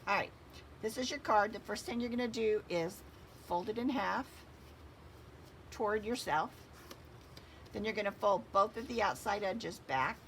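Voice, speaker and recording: A woman's voice: mid-range voice, normal speed, pauses often, a bit bright, a little hiss or hum. A woman hosting a craft tutorial, giving step-by-step instructions while she works with her hands.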